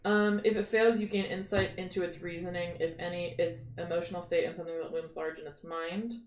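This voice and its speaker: A woman leads a tabletop game as its game master. Her voice sits low for a woman and carries an explanatory, steady manner as she reads out spell rules. The room around her is echoey. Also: brisk, slight background noise. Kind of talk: running a tabletop game, reading rules aloud.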